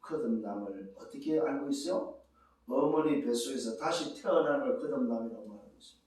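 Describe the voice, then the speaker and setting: A male pastor preaching a sermon, asking rhetorical questions, repeating his points and rising to shouts at the climaxes. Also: medium pitch, a little fast. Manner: rhetorical questions and emphatic repetition. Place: church sanctuary. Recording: very echoey church sanctuary, distant mic.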